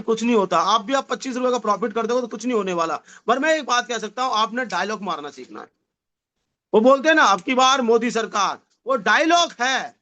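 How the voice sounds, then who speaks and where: A man giving a lively motivational sales seminar, repeating phrases and calling the audience his dear friends, with a slight touch. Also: extremely high pitch. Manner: animated, repetitive, addresses audience as "my dear friend". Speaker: network marketing trainer.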